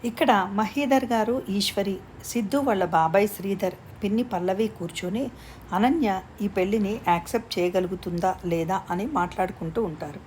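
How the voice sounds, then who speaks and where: A woman's voice: medium pitch, moderate pace, a little mellow, a little hiss or hum. A woman telling a long family love story aloud, reading every character's lines in her own voice. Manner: reads all parts in her own voice.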